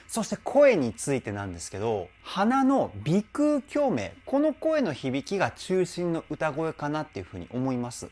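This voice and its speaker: A man's voice: on the high side, darkish tone. A man hosting a channel as a vocal trainer, breaking down singing in a reaction video with keen, explanatory enthusiasm. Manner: enthusiastic, explanatory, often exclaims how cool it is.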